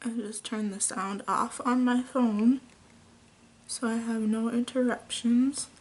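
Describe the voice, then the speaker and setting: A young woman at home, chatting through a makeup tutorial in a casual, unhurried way with frequent ums. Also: a little high, steady tone, a little mellow, a little hiss or hum. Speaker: beauty vlogger.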